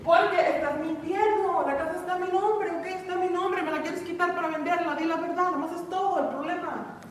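A woman cuts in with insistent, accusing lines in a heated argument. Her voice sits very high and sounds roomy, caught off-mic from a distance. She repeats her points and keeps interrupting. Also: steady tone, brisk. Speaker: streamer's partner.

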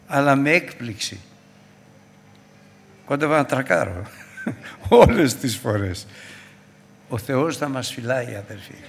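Fervent preacher man, bright voice. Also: on the high side, long reverb tail. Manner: fervent, swings from loud exhortation to hushed asides. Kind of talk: Sunday sermon.

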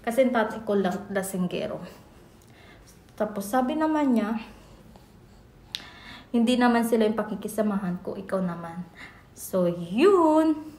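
A young Filipino woman telling a personal story in a casual, rambling vlog with many restarts. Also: mid-range voice. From Philippines. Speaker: vlogger. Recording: echoey room, faint noise.

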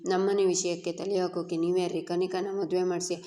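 Woman reading as a hot-tempered young brother, accusing, low flat voice, roomy. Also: brisk, natural voice. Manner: accusing, demanding. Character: angry young man, protective brother.

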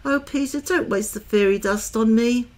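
A woman voicing a gentle grown mother, soft, apologetic and wistful. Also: a little high, normal speed, lightly acted.

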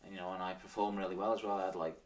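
This man in his thirties speaks low and rapid-fire with little pitch movement, sounding far from the mic. A former professional cyclist with a Manx accent from the Isle of Man, he reminisces loosely as an interview guest, peppering his talk with "sort of" and "like."

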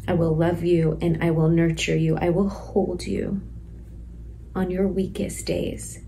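A woman's voice: on the low side, flat delivery, vocal fry, a little hiss or hum, low-quality recording. A woman playing a tender pregnant teen girl. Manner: soft, slow, some lines whispered. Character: pregnant sixteen-year-old girl in detention, tender. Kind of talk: stage monologue, letter to her unborn baby.

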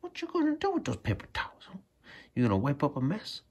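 A man filming his cat at home and talking to it in soft, doting baby talk, often dropping to a whisper, recorded on a handheld phone in a carpeted basement. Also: fairly high pitch, huge pitch swings, fast, slightly rough. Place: carpeted house basement, indoors. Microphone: handheld phone camera.

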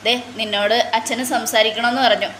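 A woman's voice: a little high, steady tone, fairly quick, a bit bright, slight background noise, natural voice. A woman voicing a firm, caring elder sister who coaxes and lectures her family. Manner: coaxing then scolding, firm.

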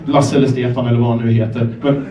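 A young Swedish man from Gävle doing a stand-up set, telling self-deprecating stories in a deadpan way and acting out the people in them. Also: medium pitch. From Sweden, Gävle. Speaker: stand-up comedian. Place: comedy club stage. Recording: echoey club room, voice from a distance.

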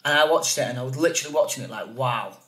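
A man's voice: mid-range voice, fast, fairly bright tone, reverberant. A man in his twenties, co-hosting a podcast, chatting casually and teasing his friends. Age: 20s. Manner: teasing, banter. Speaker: podcast co-host. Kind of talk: casual chat.

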